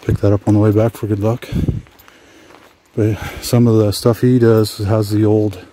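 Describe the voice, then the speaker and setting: A man from Washington State chatting casually as he walks along old railway tracks, rambling and relaxed with frequent fillers. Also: on the low side, moderate pace, slight background noise. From Washington State, USA. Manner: talks while walking outdoors. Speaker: adventure vlogger. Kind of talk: casual hiking vlog commentary. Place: outdoors on abandoned railway tracks.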